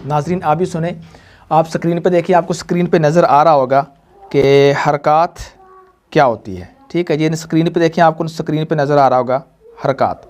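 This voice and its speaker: This man's voice sits a little high, steady and somewhat dark. Teaching a Quran reading class to students and viewers, he goes over points again and again and questions the learners call-and-response style, drilling with slow patience.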